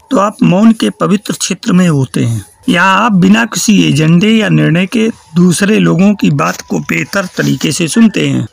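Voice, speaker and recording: Male spiritual teacher, high and gravelly, measured preaching delivery, dry close sound. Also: dry recording. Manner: measured, preachy, recites verse. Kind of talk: spiritual discourse.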